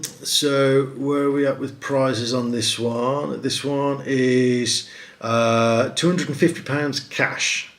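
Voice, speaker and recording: A middle-aged man, chatting casually on a live stream and answering comments, with lots of fillers and restarts. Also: medium pitch. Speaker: host of a live stream for a prize-draw site.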